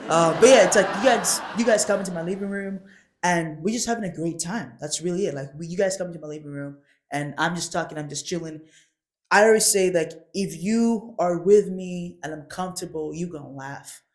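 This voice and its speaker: A woman's voice: lowish voice, brisk, roomy sound. A woman hosting her own comedy show, chatting casually in a rambling, self-deprecating way and often laughing at herself. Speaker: host and stand-up comedian. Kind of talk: casual stand-up chat.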